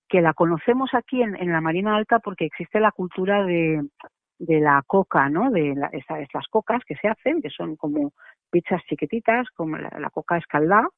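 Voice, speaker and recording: A woman's voice: on the low side, no room sound. A woman, a macrobiotic cooking guest on a radio interview, chatty and explanatory, with many tag questions. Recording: dry, tinny phone line.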